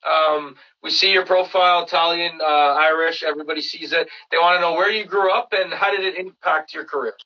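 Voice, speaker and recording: A man's voice: a little high, steady tone, brisk, few pauses, far from the mic, muffled recording. A man from Canada hosting a casual remote podcast interview, friendly and rambling with lots of fillers. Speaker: podcast host.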